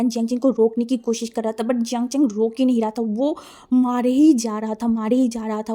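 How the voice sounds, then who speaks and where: A woman's voice: on the high side, mellow. A woman narrating a fan-fiction story in a dramatic way, mixing in English words.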